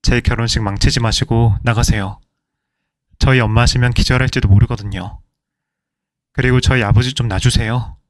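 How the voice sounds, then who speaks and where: A man's voice: mid-range voice, steady tone, normal speed, pauses often, no echo, close to an everyday voice. A man playing a young groom who speaks curtly and coldly dismissive to an older woman. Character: cold, insolent young groom.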